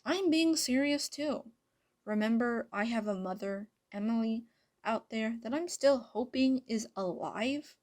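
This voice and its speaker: Lady reading as earnest teen boy, kinda stammery, higher voice. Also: a little slow, darkish tone, close to an everyday voice. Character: teenage boy hero, earnest and shaken.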